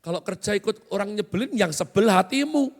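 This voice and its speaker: High-voiced joking pastor in a reverberant hall. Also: male voice, lively intonation, a little fast. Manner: joking, conversational, often quizzes the congregation. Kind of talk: sermon. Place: large hotel hall used as church.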